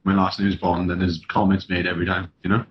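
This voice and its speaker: A young Welshman joins a video call as a guest, talking fast in a deep, level voice, laid-back and hesitant with lots of fillers. The casual chat comes through lo-fi, with a little hiss or hum.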